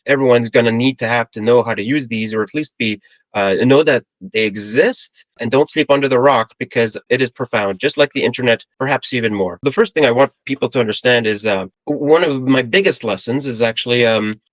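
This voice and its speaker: A man's voice: mid-range voice, fairly bright tone, dry recording, muffled recording. A man in his forties from the Philippines, a podcast guest talking in a friendly, joking way. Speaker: guest, AI consultant. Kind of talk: casual interview chat.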